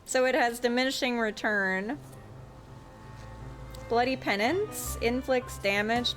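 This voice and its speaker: Woman, slightly high voice, unhurried, let's-play commentary, reading game text, faint music behind.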